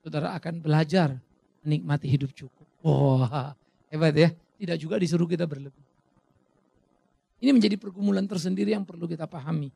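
A man preaching a sermon as pastor, animated and dramatic, asking the crowd questions and acting out little dialogues. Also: on the high side, brisk, vocal fry, slightly rough.

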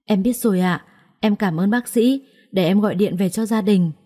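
A woman voicing an anxious, devoted young wife in a storybook reading, speaking softly and politely. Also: medium pitch, moderate pace, natural voice. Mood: worried, caring. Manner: soft, pleading, polite.

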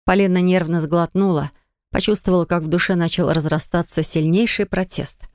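A woman narrating an audiobook in an expressive style, on a studio microphone. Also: brisk, no echo. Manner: expressive, rising high and loud in the heroine's angry lines.

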